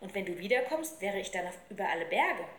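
A woman's voice: medium pitch, very animated, quick pace, close to an everyday voice. A woman reading aloud, voicing an earnest, polite boy from a small town. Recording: roomy with faint ambience.

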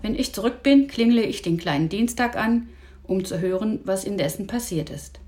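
A woman voicing a brisk, helpful boy volunteering for an errand. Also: mid-range voice, lively intonation, darkish tone, natural voice. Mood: reassuring.

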